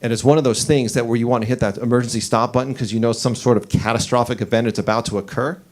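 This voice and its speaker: Man in his forties doing stand-up. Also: quick pace. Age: 40s. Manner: animated storytelling, pitch climbing as the story heats up. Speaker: stand-up comedian. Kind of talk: stand-up comedy set. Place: comedy club stage.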